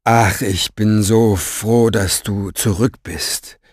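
A man putting on a pompous, half-drunk grown man who drawls his words slowly and loudly. The voice sits at a middling pitch, and the recording is dry and close. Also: lively intonation, husky, dry recording. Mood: stammering, gushing. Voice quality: loud, drawling, theatrical.

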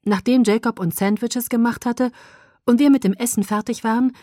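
A woman reading a first-person audiobook in a calm, even storytelling manner. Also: fairly high pitch, normal speed, dry recording, clean studio sound. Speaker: audiobook narrator.

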